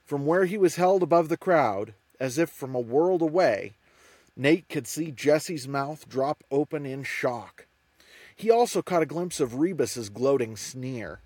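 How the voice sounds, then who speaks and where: A man reading an audiobook in a steady, measured storytelling style. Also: fairly high pitch, no echo. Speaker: audiobook narrator. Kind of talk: scripted narration.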